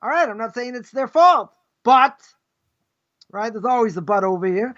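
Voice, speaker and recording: A man's voice: extremely high pitch, animated, moderate pace, fairly bright tone. A middle-aged man, a rabbi, giving a live, rambling lesson, firing rhetorical questions and tagging his points with "right?". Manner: rambling, tags nearly every point with "right?". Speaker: rabbi teaching ethics. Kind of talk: live conversational Torah lesson. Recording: dull lo-fi livestream audio.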